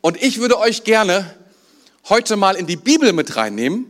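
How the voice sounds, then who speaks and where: A man with a high voice preaches a sermon to his congregation. He keeps it conversational and often checks in with his listeners. He speaks as their pastor, standing in church. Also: sing-song, moderate pace, fairly bright tone. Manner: conversational, asks the congregation questions.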